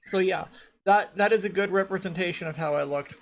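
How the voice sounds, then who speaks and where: A woman hosts a casual podcast panel chat in a fairly low, brisk voice, with slight background noise. She rambles and repeats herself while searching for photos.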